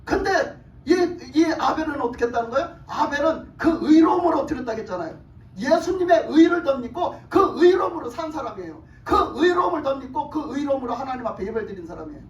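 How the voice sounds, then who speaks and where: A woman pastor preaching a sermon, emphatic and animated, putting questions to the congregation and often laughing. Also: high-pitched, fast. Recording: echoey hall from far off.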